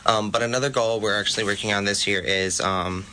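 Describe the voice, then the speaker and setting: Student guest, young man, deep monotone, bright timbre, halting explanations. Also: a little hiss or hum. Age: young adult. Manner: hesitant, frequent "um". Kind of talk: casual radio interview. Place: campus radio studio.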